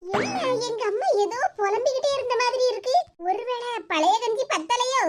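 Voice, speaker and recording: A woman's voice: very high-pitched, animated, moderate pace, loud music behind the voice. A woman voicing a cheeky, teasing young village daughter in a cartoon who coaxes her cross mother. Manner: teasing and coaxing. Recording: loud background noise.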